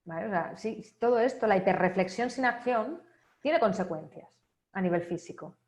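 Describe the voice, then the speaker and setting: A woman giving a motivational talk at a wellness congress, leading listeners through a string of rhetorical questions and often checking in with a quick "right?". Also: medium pitch, expressive, darkish tone. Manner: asks many rhetorical questions, often ends with a checking "¿vale?". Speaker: speaker at an online wellness congress. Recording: echoey room.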